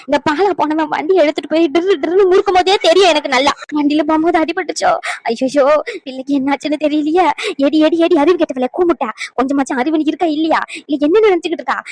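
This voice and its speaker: Woman voicing an old cartoon grandmother, shrill, nagging, nonstop talker. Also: darkish tone, dry recording, lightly acted. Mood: alarmed. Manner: rapid, scolding chatter. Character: scolding, anxious old grandmother, doting on grandson. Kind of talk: cartoon family drama voice acting.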